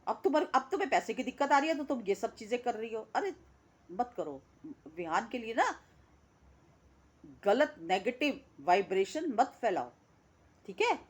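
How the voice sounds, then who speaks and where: A woman's voice: on the high side, very animated, moderate pace, pauses often, breathy edge. A woman giving an indignant, scolding reaction commentary, repeating words for emphasis. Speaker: reaction vlogger.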